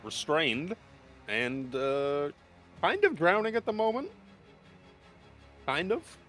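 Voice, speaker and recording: A man's voice: a little high, big pitch swings, slow, fairly bright tone, faint music behind. A man speaking casually as the game master of a tabletop role-playing session, explaining rules and calling turns.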